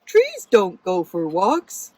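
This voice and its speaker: A woman's voice: medium pitch, huge pitch swings, slow pace, mellow, dry recording, exaggerated voice. A woman voicing a skeptical, matter-of-fact naysayer in a children's storybook. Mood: smug, skeptical. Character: skeptical, dismissive storybook naysayers about pet trees. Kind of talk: storybook character reading.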